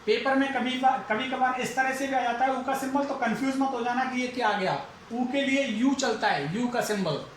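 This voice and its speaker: A male teacher from India giving a phonetics lesson, slowly repeating and drawing out example words. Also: very high voice. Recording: very echoey room, faint noise.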